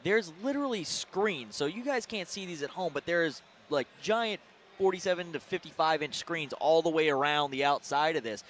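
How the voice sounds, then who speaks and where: A young man co-commentating a live esports event in a relaxed, joking way. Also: a little high, normal speed, slight background noise. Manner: laid-back, joking, trails off and restarts. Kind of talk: casual live commentary banter.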